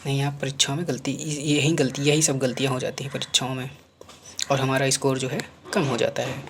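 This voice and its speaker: A man teaching spelling for a competitive exam, drilling each word by saying it again and again. He asks questions and answers them himself in a patient classroom rhythm. His voice sits at an ordinary middle pitch, with faint background noise in the recording. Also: level tone, brisk, fairly bright tone. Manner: drops to murmurs while writing on screen. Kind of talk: exam-prep spelling lesson.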